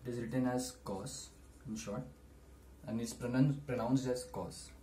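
A young man gives a maths lesson in a mid-pitched voice. He explains step by step in short, deliberate phrases. The camera microphone picks up faint noise in a small room. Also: steady tone, dark tone. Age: teens to young adult. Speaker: maths tutor. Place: small room indoors at a whiteboard.

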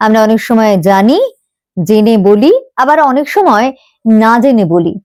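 Woman, pronunciation teacher, high lively voice, dry close sound. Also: unhurried, no room sound. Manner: animated, questioning, stresses words. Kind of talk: spoken lesson to camera.

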